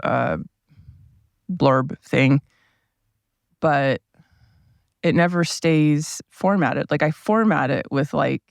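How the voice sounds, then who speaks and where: Gravelly man with groggy morning voice. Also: fairly high pitch, slow, pauses often, no room sound, studio quality. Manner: meandering, relaxed, thinking aloud with many asides. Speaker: podcast host. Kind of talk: casual rambling solo podcast. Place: seated at a table inside a parked RV. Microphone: small mic powered by a tablet.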